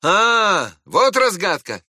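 A man reading aloud and voicing an irritable, proud middle-aged prince who snaps and shouts. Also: high voice, sing-song, slow pace, no room sound, clean studio sound, pitched above the performer's own voice, heavily acted. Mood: irritated, scornful. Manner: snappish, shouting and scolding.

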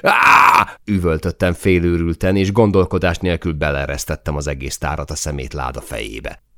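A man reading a first-person audiobook in a tense manner, rising to shouts in the dialogue. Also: extremely low pitch, fairly even intonation, no room sound, clean studio sound. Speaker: audiobook narrator.

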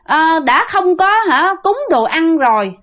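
A woman's voice: very high-pitched, expressive, measured pace, a bit bright, pitched above the performer's own voice, heavily acted. A woman voicing a rude female mountain spirit who possesses a mother, with a scolding, contemptuous manner. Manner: scolding, contemptuous, demanding offerings.

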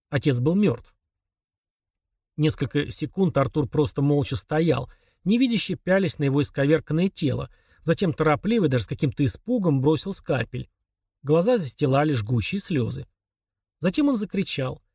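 Husky male audiobook narrator. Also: fairly high pitch, a little mellow, dry recording, clean studio sound. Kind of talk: scripted narration of a horror novel.

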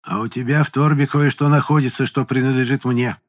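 A man's voice: medium pitch, fairly even intonation, a little fast, voice pushed up, close to an everyday voice. A man voicing a shrewd old village fortune-teller woman who probes, commands and grieves in turn. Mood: insistent. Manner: sharp, probing, commanding, then grieving.

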